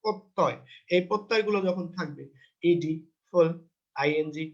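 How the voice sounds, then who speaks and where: Man, English teacher, test-prep lecture, reads rules slowly then explains, high voice, muffled recording. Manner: asks himself questions and answers them.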